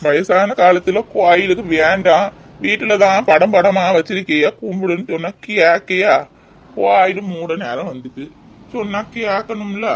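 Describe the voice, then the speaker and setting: A gentle old grandfather gives his blessing in an unhurried, drawn-out way, as a man voices him for a cartoon. His voice sits somewhat high and he lingers over each word. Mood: scolding. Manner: slow, drawn-out, advising. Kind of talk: cartoon voice acting.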